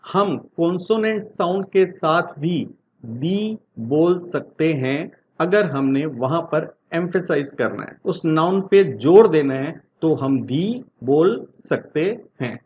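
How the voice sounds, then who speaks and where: A man teaching English grammar in Hindi. He asks his class questions and answers them himself, and reads the example sentences slowly. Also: a little high, dull audio, slight background noise. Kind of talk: Hindi-language grammar lesson.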